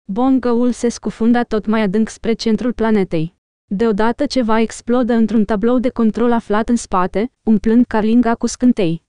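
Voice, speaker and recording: A woman narrating an audiobook in a steady, even storytelling manner. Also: a little high, smooth, no echo.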